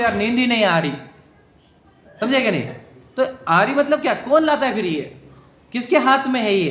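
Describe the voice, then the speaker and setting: Man, religious teacher, high pitched, explanatory, keeps questioning listeners, echoey hall recording. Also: fairly bright tone. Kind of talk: religious discourse to a live audience. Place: hall with a seated audience.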